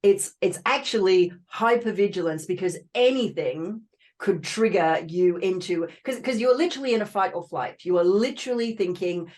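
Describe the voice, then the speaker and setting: An Australian woman whose accent carries a touch of British tones appears as a podcast guest, earnestly describing her experiences in casual interview talk. Her voice is medium-pitched and darkish, at a normal speed, with many fillers and restarts.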